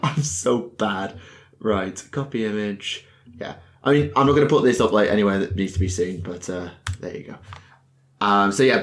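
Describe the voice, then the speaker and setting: A man chatting casually on a podcast panel, rambling and self-deprecating, swearing now and then. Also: lowish voice. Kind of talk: casual chat.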